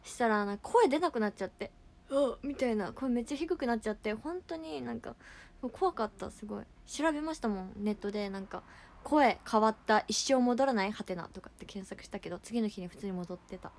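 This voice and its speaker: A young woman hosts a casual livestream, talking with lots of fillers and reacting to fan comments as she reads them aloud. Her voice is on the high side, fast and creaky, with lively intonation and a darkish tone.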